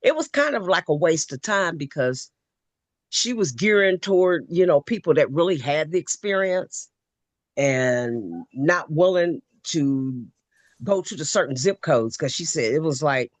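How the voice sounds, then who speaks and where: A woman's voice: sits low, animated, a little slow, no echo. A woman from Ohio joining a video call, talking at length in a loose, filler-heavy way. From Ohio, USA. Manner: talkative, loose storytelling with many fillers. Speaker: webinar participant. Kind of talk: casual conversation.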